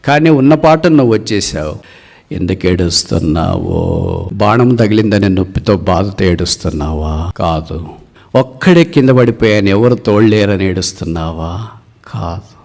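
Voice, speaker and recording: Guy doing a hunter asking the hurt bird why it's crying, slow and low. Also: lively intonation, gravelly, a little mellow, in a large hall, heavily acted. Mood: questioning. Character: puzzled hunter questioning the fallen eagle.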